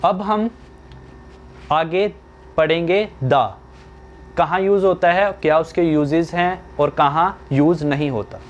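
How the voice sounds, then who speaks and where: A young man with a fairly high voice teaches a grammar lesson at a very slow, deliberate pace. He asks a question and then answers it himself, the way a teacher walks a class through a point. A faint hiss sits under the recording. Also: muffled recording.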